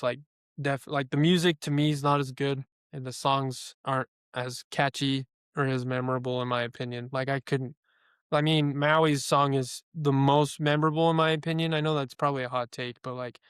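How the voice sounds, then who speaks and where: A young man co-hosts a podcast, chatting casually and giving his opinions while constantly saying "like." His voice is mid-range and clean, recorded in a studio with no echo.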